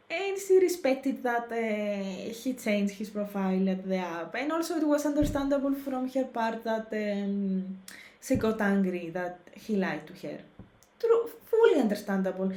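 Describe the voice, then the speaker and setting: A woman's voice: on the high side, dark tone, roomy sound. A woman hosting a reaction video, thinking aloud in casual commentary, often restarting her sentences as she searches for words. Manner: thoughtful, restarts and hesitates often.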